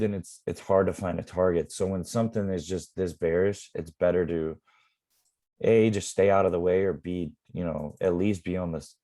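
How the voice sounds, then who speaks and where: A man explaining live trading in a relaxed, rambling way with many fillers, his voice going hoarse. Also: deep voice. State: losing his voice. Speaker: forex trading mentor.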